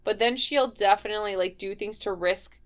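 A woman's voice: medium pitch, brisk. A young woman with a Midwestern accent, co-hosting a podcast in casual chat, rambling with lots of "like" fillers. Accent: Midwestern American. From US Midwest, Ohio. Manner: rambling, heavy "like" fillers, animated. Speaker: podcast co-host.

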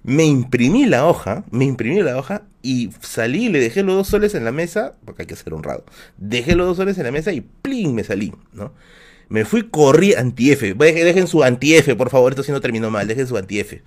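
A man's voice: medium pitch, sing-song, brisk, a little mellow. A man with a Peruvian Spanish accent, casually telling a personal anecdote on his live stream, full of slang and fillers. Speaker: livestream host.

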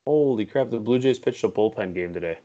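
A man's voice: on the low side, animated, warm tone, muffled recording. A man co-hosting a podcast, chatting casually about sports with blunt, opinionated takes. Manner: blunt, opinionated, quick reactions. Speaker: podcast co-host.

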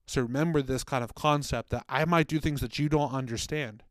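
A man's voice: mid-range voice, a little fast. A man speaks in a mid-range voice, earnest and chatty as he retells a story for a faith podcast. The room sounds dry and close, with no echo. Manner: earnest, conversational, retells stories with acted quotes. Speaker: podcast co-host, former children's ministry worker.

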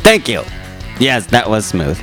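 A man's voice: fairly low pitch, huge pitch swings, measured pace, music in the background. A man hosting a podcast in casual chat, joking and rambling, correcting himself, with a cough. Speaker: podcast host.

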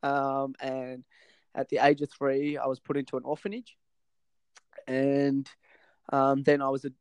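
A man's voice: medium pitch, completely flat delivery, clean tone, no echo, rough recording. A man, a podcast guest talking casually with lots of fillers and restarts. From Sri Lanka. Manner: halting, many fillers and restarts. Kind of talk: casual interview chat.

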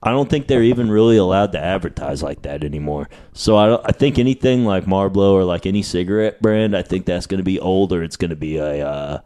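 A man's voice: deep voice, lively intonation, quick pace, few pauses, warm tone. A man in his thirties hosting a casual comedic chat, telling rambling, slangy stories. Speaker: podcast host.

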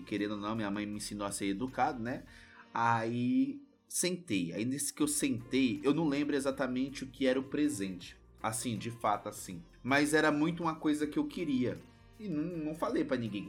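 Brazilian-accented man at a mid pitch, loose and lively, swears easily, tells a story to friends on a podcast. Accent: Brazilian Portuguese. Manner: lively, swears freely, acts out his childhood self. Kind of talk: casual storytelling chat.

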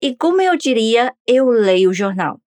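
A woman's voice: fairly high pitch, sing-song, measured pace, darkish tone, no room sound, studio quality. A woman teaching a pronunciation lesson on a podcast, upbeat and coaxing listeners to repeat after her. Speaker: language teacher.

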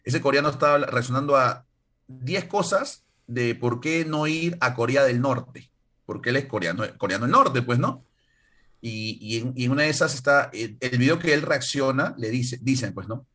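A man, chatting casually and rambling excitedly. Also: mid-range voice, moderate pace. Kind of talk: casual chat.

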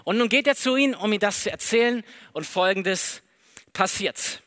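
A man preaching a sermon in a lively, conversational way, acting out the dialogue of the story as he tells it. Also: sits high, moderate pace. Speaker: pastor.

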